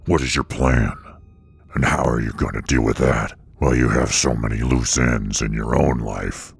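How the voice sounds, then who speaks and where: A menacing demon prince, voiced by a male narrator, taunts in a very deep, gravelly rasp. His voice is rough and husky, cold and scheming, accusing and nagging. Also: fairly even intonation, normal speed, dry recording, exaggerated voice. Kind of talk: audiobook character voice.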